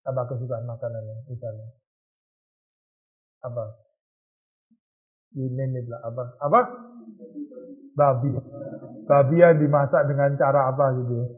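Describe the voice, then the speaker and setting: A male pastor gives an informal lecture to a youth group, keeping it conversational and tossing rhetorical questions at his listeners. His voice sits at an ordinary middle pitch. The sound is narrow and tinny, as if heard down a phone line. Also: steady tone, moderate pace, pauses often, soft background music. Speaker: pastor teaching a youth Bible study.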